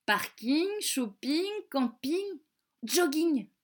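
A proud little schoolgirl from a children's storybook, voiced by a woman reader. She reels off her words in a sing-song way. The voice is high and unhurried. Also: expressive, exaggerated voice. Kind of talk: storybook reading.

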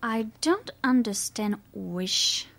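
Storybook role: woman doing an earnest young girl, a bit high-pitched, measured pace. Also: animated, gravelly, a bit bright, exaggerated voice. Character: young girl, eager and quick-witted. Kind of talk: audiobook character voice.

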